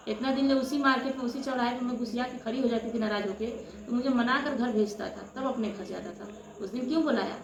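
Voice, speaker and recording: A woman's voice: medium pitch, gravelly. A woman vlogger tells her own story to viewers with passion, often calling them friends. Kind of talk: emotional personal storytelling to viewers. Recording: echoey room with loud ambient noise.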